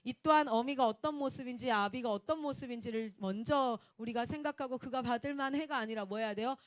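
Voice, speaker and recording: A woman missionary, preaching a Sunday sermon and telling personal stories in a lively way. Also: fairly high pitch, fairly quick, dry recording, studio quality. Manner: animated, acts out quotes and laughs often.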